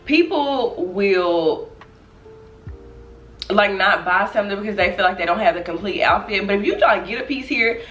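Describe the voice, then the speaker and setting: A woman's voice: mid-range voice, normal speed, distant mic. A young woman from Dallas, chatting casually to camera as a vlogger, her voice slightly nasal from a cold. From Dallas, Texas. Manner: chatty and relaxed, laughs often. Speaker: vlogger host. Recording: echoey room, voice off-mic, faint music.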